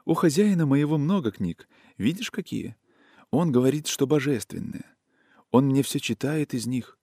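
Guy reading, doing a soft sing-song young woman, tender and wistful, higher voice, dry close sound. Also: lively intonation, moderate pace, husky, no room sound. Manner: soft, caressing, sing-song folk speech.

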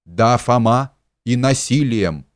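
A man voicing a kindly middle-aged gentleman who pleads and shouts in agitation. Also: mid-range voice, expressive, takes it slowly, dry recording, clean studio sound. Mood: agitated.

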